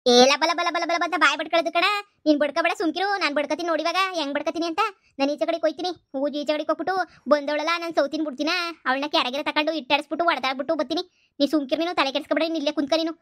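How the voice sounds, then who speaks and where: A woman voicing a scheming, bossy village mother-in-law in a cartoon comedy, scolding and wailing loudly. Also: high-pitched, fairly even intonation, rapid-fire, no echo, studio quality. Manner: bossy, scolding, wails theatrically.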